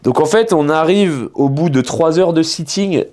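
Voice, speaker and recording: A man's voice: a little high, measured pace. A young man from France telling rowdy stories in slangy casual chat, acting out the voices of the people he quotes. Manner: animated storytelling, slangy, acts out quoted voices. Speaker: podcast guest telling stories.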